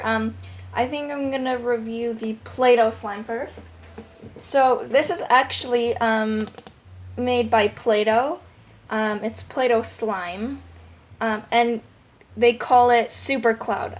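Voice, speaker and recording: A young woman giving a casual, excited product review as a show host, recorded at home through a headphone microphone. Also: on the high side, takes it slowly. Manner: excited, gushing. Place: bedroom at home. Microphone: headphones used as microphone. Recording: headphone mic with clear background noise.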